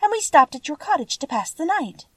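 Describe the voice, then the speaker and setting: A woman voicing a kind, timid little farm girl in a storybook, with a gentle and earnest manner. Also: high-pitched, very animated, brisk, dry recording, pitched above the performer's own voice. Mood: friendly, earnest.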